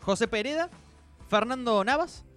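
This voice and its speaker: High, lively Argentine man presenting football. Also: normal speed, clean tone, soft background music. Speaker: sports radio show presenter. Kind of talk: conversational football nostalgia segment.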